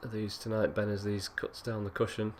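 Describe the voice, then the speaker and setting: A man commentates on a pool match in a relaxed, chatty way. His voice sits low. A faint hiss of noise runs underneath. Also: a little fast. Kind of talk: casual live commentary. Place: pool hall commentary spot.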